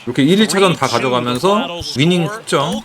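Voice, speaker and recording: A Korean man streaming a baseball video game, giving casual play-by-play commentary with sudden excited exclamations. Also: on the high side, brisk, a crowd in the background. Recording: game music playing behind.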